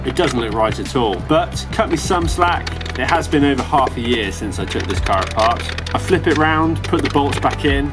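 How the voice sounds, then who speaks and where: Man, garage build vlogger, plain mid-pitched voice, music bed underneath, dry self-mocking asides. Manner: matter-of-fact, self-deprecating. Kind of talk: narrating a workshop build. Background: music in the background.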